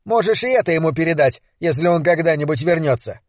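A man voicing a shrill furious young lad. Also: animated, fast, dry recording, clean studio sound. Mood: mocking. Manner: shrill, shrieking with rage. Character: furious young male with a smashed radio.

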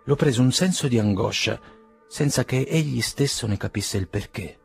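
Gravelly, husky male audiobook narrator. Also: mid-range voice, moderate pace, soft background music. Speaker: audiobook reader. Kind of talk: scripted narration.

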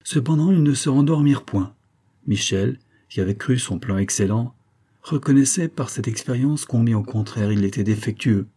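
A man narrating a classic novel as an audiobook in a steady, measured storytelling manner. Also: mid-range voice, breathy edge. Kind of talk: scripted literary narration.

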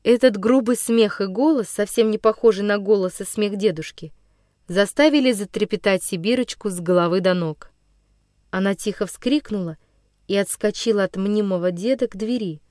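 A woman's voice: mid-range voice, darkish tone, dry recording, clean studio sound. Woman narrating a storybook, dramatic. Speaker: audiobook narrator. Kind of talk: scripted narration of a classic children's story.

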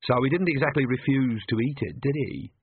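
A man voicing a dry, deadpan young woman close to his own voice. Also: medium pitch, brisk, husky, dry recording. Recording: tinny phone-like line.

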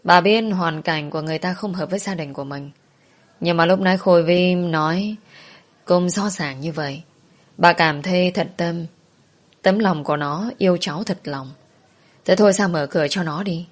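A woman voicing an elderly, understanding grandmother who speaks softly and patiently in a storybook tale. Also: fairly low pitch, normal speed, close to an everyday voice. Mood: coaxing.

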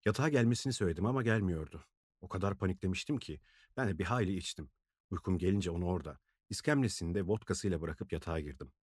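A male audiobook reader voicing an anxious, fretful young woman who talks in a worried, hurried way. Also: deep voice, a little mellow, no echo, clean studio sound.

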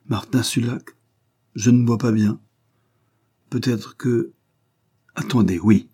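A man's voice: medium pitch, steady tone, takes it slowly, dark tone, breathy edge, voice pushed up. A man voicing a frightened captive English engineer, pleading in a strained, anxious way.

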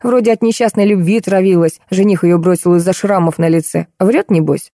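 A woman voicing a gruff, scornful middle-aged hospital nurse who rants bluntly and with contempt. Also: lowish voice, a little fast, dark tone, no room sound, clean studio sound, close to an everyday voice.

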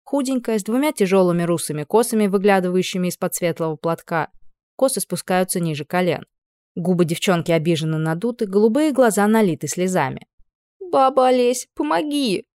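A woman's voice: on the low side, brisk, darkish tone, no echo. A woman reading a first-person story aloud in a dry, ironic way. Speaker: audiobook narrator. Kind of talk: scripted narration.

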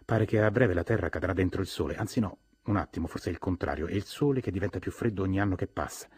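A man's voice: low voice, fast talker, darkish tone, slightly rough, no echo. A man voicing a brusque, wealthy, athletic man in a dry studio audiobook recording, raising his voice curtly. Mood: affable. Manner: curt, irritated, raised voice.

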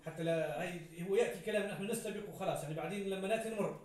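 A man lectures on grammar in a classroom. His voice sits high, and he fires off example after example and quizzes his students. He is recorded from across a very echoey room. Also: rapid-fire, darkish tone. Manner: explains with many examples and questions to students. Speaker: grammar teacher. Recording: roomy echo, from far off.

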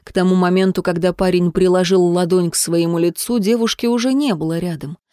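A woman's voice: fairly low pitch, fairly even intonation, brisk, warm tone, smooth, dry recording. Woman reading with drama, dry sound. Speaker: narrator. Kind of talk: audiobook narration of a romance novel.

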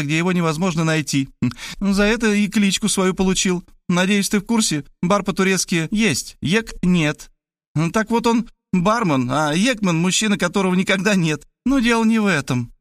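A man's voice: high-pitched, brisk, no echo, clean studio sound, pitched above the performer's own voice, close to an everyday voice. A man doing a brash, pushy teenage girl. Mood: excited chatter. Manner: chattering, wheedling, insistent. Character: brash pushy eighteen-year-old girl, slangy. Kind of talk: audiobook character voice.

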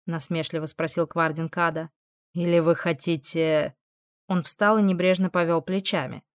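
A woman voicing a proud male demon lord who speaks slowly and with a sneer. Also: lowish voice, no echo, clean studio sound, lightly acted.

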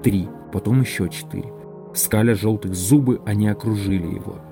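A man with a fairly low voice reads an audiobook in steady, measured scripted narration. Faint music plays softly underneath his reading. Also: creaky.

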